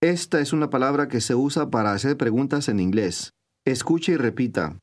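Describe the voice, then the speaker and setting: A man narrating an old-style recorded language lesson, clear and measured like a teacher giving drills, mid-pitched voice. he speaks steadily and carefully. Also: animated. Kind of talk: scripted instructional narration.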